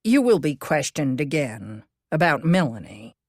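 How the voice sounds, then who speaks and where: A woman narrator voicing a calm, cautious man who explains things in a measured way in a cozy mystery audiobook. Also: low-pitched, no echo, studio quality, full character voice. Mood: careful.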